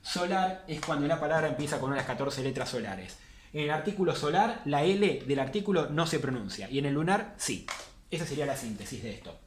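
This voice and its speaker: Male teacher, somewhat high voice, patient and repetitive delivery, roomy echo. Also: lively intonation, fairly quick, slight background noise. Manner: patient, repeats key points for emphasis. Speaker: language teacher. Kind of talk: classroom lesson. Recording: echoey room.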